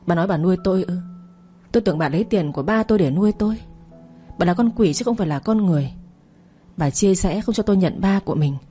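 A woman's voice: lowish voice, lively intonation, quick pace, mellow, soft background music, lightly acted. A woman narrator voicing a cold, vengeful young woman who declaims her threats steadily in a storytelling audio drama. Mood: bitter.

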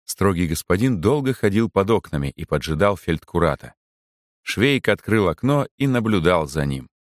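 A man narrating a novel as an audiobook, with an expressive storytelling delivery. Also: deep voice, moderate pace, dry recording, studio quality.

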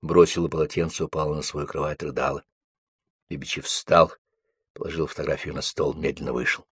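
A man reading the stage directions of a play in a calm, low-key way. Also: fairly quick, husky, no room sound, studio quality. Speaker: audiobook reader. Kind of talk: scripted narration of a play.

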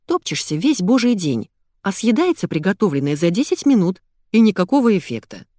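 A woman narrating a first-person audiobook story in an expressive way. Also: medium pitch, a little fast, dry recording, clean studio sound.

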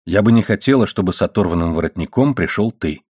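Man doing stern sarcastic mother, firm, reproachful, lively intonation, dry sound. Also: low voice, fast, slightly rough, no echo. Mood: sharp scolding. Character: stern, sharp-tongued miner's wife and mother.

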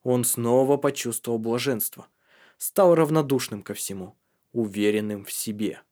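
A man's voice: mid-range voice, moderate pace, dark tone. A man reading an audiobook with tense, dramatic scripted narration.

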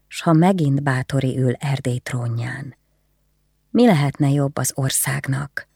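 A narrator voicing a young noble widow who speaks softly and hesitantly, sometimes whispering, in an audiobook. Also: female voice, low-pitched, husky, dry recording, studio quality. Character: young noble widow, shy but bold.

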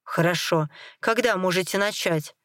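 A woman's voice: on the low side, normal speed, a bit bright, no echo, studio quality, close to an everyday voice. A woman reading the lines of a young father who speaks in short, urgent, pleading phrases. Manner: terse, pleading.

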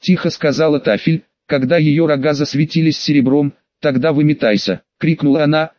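A man reading a fantasy audiobook aloud in an even, unhurried way, voicing every character alike. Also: a little high, no echo. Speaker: audiobook narrator. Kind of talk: scripted narration. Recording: dull, dry lo-fi recording.

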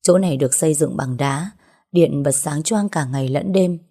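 A woman narrating a story in a steady, even way. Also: low voice, normal speed.

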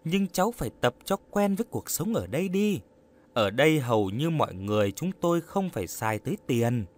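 A man reading an audiobook, voicing a kindly, caring old village grandmother who fusses and gently scolds. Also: mid-range voice, very animated, fairly quick, close to an everyday voice. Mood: earnest.

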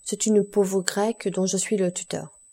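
A woman voicing a composed, courteous middle-aged count in an audiobook, measured and polite. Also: mid-range voice, fairly even intonation, mellow, husky. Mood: courtly.

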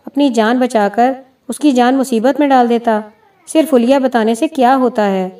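A woman voicing a calm, guarded, principled man, heard from a distant mic. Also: on the high side, natural voice.

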